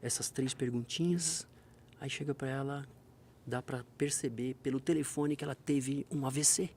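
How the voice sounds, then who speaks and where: Speaking at medium pitch and a moderate pace, a fire brigade major recounts emergency stories in an interview. He's an animated storyteller who performs the dialogue vividly.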